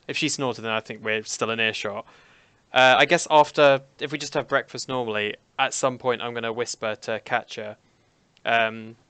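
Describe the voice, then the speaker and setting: A man's voice: mid-range voice, bright, forceful tone, clear, resonant tone, no echo. Hesitant man playing a tabletop game. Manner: hesitant, talkative. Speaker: player. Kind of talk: casual tabletop play.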